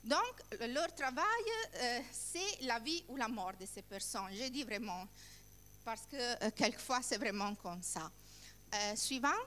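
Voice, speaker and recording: A woman leading a workshop, speaking haltingly in French that is not her native language, putting questions to participants. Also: on the high side, animated, sharp tone, a little hiss or hum. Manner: halting, searching for words in non-native French. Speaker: workshop trainer. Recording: echoey hall with long reverb.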